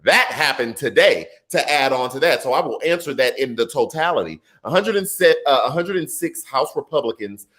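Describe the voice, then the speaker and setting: Reading viewer comments during a live-streamed political commentary show, this thirty-something host speaks a little fast with few pauses. His swooping, lively delivery stays animated and chatty, slipping from serious arguments into playful tangents and easy laughter.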